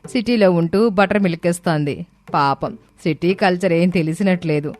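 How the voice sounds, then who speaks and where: A woman's voice: medium pitch, a little slow, a little mellow, close to an everyday voice. A woman voicing a snobbish middle-aged city woman in a cartoon, sneering and sprinkling in English words. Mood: mocking.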